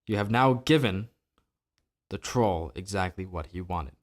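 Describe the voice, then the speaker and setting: A man's voice: low-pitched, animated, a little slow. A man from New Jersey hosting a solo political commentary podcast, talking in a sarcastic, opinionated way with rhetorical questions. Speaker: podcast host.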